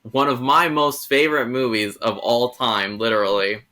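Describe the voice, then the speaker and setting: A man's voice: mid-range voice, steady tone, moderate pace, bright, forceful tone. A young man hosting a casual film review, rambling and restarting his sentences. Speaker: host.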